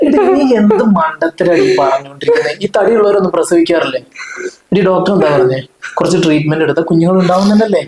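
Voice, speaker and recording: A man's voice: on the high side, expressive, quick pace, echoey room, crowd noise, natural voice, low-quality recording. A young man playing a loyal husband who pleads and reasons in a short film drama. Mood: consoling. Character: loyal young husband, defends his wife.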